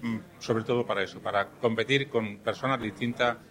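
A man's voice: on the low side, fairly even intonation, fairly quick, creaky, fairly bright tone. Man explaining club plans. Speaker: tennis club organizer. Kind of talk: interview answer.

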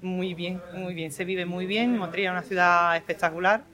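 A woman's voice: on the low side, fairly even intonation, normal speed, bright, forceful tone. A woman from Italy with an Italian accent, a tennis league player answering interview questions in a cheerful, chatty way. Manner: cheerful, chatty, laughs often.

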